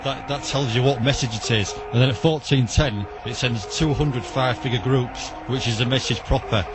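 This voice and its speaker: A man's voice: medium pitch, fairly even intonation, moderate pace. A man in an outdoor radio interview, answering in a detailed, matter-of-fact way as a radio enthusiast guest. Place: outdoors in a back alley. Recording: outdoor background noise.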